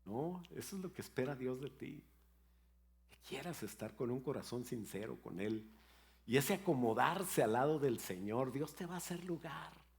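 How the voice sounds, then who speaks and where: A man's voice: mid-range voice, expressive, moderate pace, gravelly. An older man, a pastor, preaching a sermon in a storytelling way with playful asides about his grandchildren.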